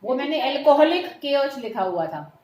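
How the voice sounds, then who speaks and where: In an echoey classroom with a bit of background noise, a middle-aged chemistry teacher lectures at a normal speed. Her high, very animated voice has a slightly mellow quality, and she patiently explains concepts, slips in English terms and addresses students as "beta."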